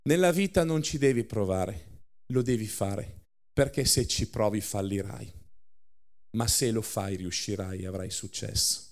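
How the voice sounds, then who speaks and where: A man doing a huge, stern former agent who booms orders. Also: fairly even intonation, a little slow, vocal fry. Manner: shouting, commanding.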